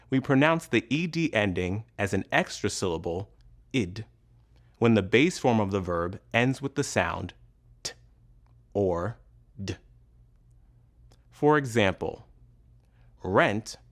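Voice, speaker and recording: A man teaching English pronunciation in a scripted lesson, enunciating each sound carefully and pausing between words. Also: lowish voice. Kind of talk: slow, deliberate scripted instruction.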